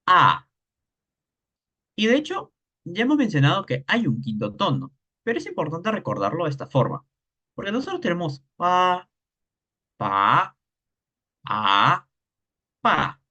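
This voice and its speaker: Lively-pitched man teaching tones. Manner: demonstrates tones with drawn-out syllables. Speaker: Mandarin teacher. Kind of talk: online workshop lesson.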